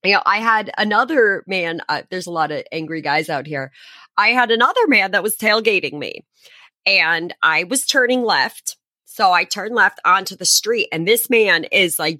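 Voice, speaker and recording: A woman's voice: on the low side, expressive, a little slow, sharp tone, dry recording, studio quality. A young woman hosting a podcast, telling a story in casual chat with sarcastic, profane humor.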